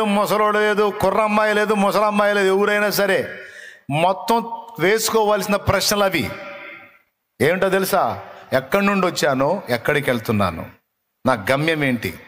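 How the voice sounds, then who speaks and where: Animated male preacher telling a story. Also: high voice. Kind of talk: sermon storytelling.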